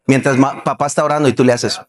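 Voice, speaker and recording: A man's voice: mid-range voice, steady tone, fast. A male pastor preaching a Baptist sermon in a conversational way, asking the congregation question after question and acting out quoted voices. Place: church sanctuary.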